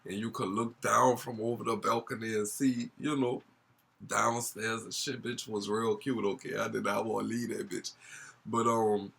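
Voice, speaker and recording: A man's voice: fairly low pitch, level tone, moderate pace, creaky, a bit bright, breathy edge. A young man with a New Orleans accent telling a casual vlog story in a gossipy, sassy, slangy way. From New Orleans, USA. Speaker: YouTube storyteller.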